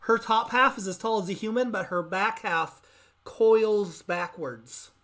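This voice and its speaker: A woman's voice: mid-range voice, measured pace, a bit bright. Chatty giggly woman game master. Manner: chatty, giggly, rambling with restarts. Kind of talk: narrating a live tabletop game.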